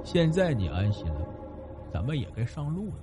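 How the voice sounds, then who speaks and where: A man doing a deep, calm old man. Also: over music, lightly acted. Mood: calm, commanding. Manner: low, quiet, measured.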